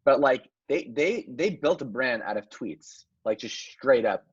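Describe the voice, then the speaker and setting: A man chiming in on a casual discussion, quick and hedging with lots of "like". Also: medium pitch, expressive, husky. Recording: dull dry lo-fi mic.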